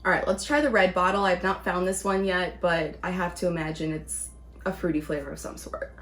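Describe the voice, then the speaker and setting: A woman's voice: fairly low pitch, a little fast, fairly bright tone. A woman chatting casually as she reviews things in a taste-test vlog. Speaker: vlog host, candy reviewer.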